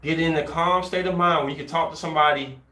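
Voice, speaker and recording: A man's voice: a little high, quick pace, roomy sound. Slangy laid-back podcast co-host man. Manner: laid-back, slangy, animated when ranting. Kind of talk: casual chat.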